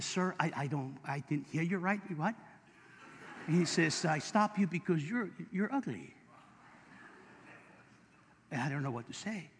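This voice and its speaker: A male pastor with a Californian accent preaching a sermon, telling stories and building up to shouts. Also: on the high side, slight background noise. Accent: Californian English. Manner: storytelling preacher, rising to shouts. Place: church sanctuary. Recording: long hall reverb.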